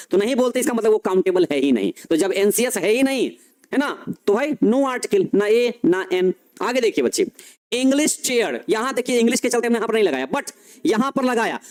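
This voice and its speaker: A young man with a high voice teaches a live online grammar class, walking through each rule step by step. He keeps asking his students questions and answering them himself. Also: a little mellow. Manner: explains step by step, asks students rhetorical questions.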